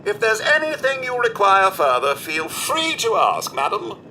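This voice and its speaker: A man's voice: sits high, wildly swooping pitch, measured pace, bright, forceful tone, a little hiss or hum, exaggerated voice, low-quality recording. An actor playing a polite, formal male robot butler in a video game, speaking with a servant's courtesy.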